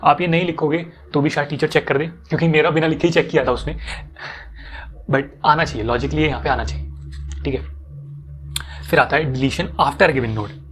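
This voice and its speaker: A man's voice: fairly high pitch, fairly even intonation, normal speed, long pauses, a bit bright, a little hiss or hum. A young man explaining code step by step to students in a casual teaching manner, often repeating himself and checking that they follow.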